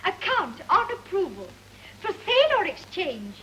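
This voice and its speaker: An actress playing a flippant, sardonic young heiress in a stagey 1930s film comedy. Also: female voice, very high voice, huge pitch swings, measured pace, fairly bright tone, exaggerated voice. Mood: flippant, amused. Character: pert, wisecracking young heiress daughter. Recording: noisy, hissy early talkie soundtrack.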